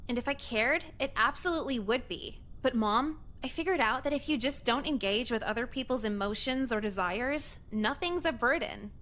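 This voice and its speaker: An actress voicing an apathetic, sarcastic teenage girl in a video game, deadpan and crude. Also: fairly high pitch, normal speed, few pauses.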